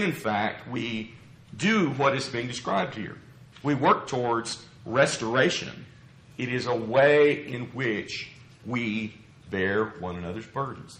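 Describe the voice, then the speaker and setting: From a church pulpit in a roomy indoor space, a man delivers an expository sermon in a measured, earnest way, explaining his points and posing rhetorical questions. His medium-pitched, slightly bright voice is a little scratchy from a lingering cough. The room is echoey.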